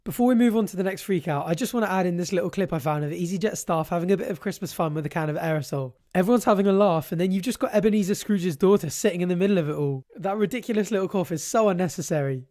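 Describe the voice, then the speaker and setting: A British man with a slightly high voice rattles through casual commentary at a fast clip. He is cheeky and opinionated, swearing freely as he presents. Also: warm tone.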